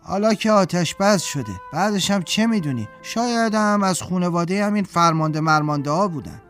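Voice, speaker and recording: A tense, shaken young husband in a told story, played by the narrator. His quoted lines sit higher than the narration, clipped and strained. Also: expressive, a bit bright, soft background music. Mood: dismissive.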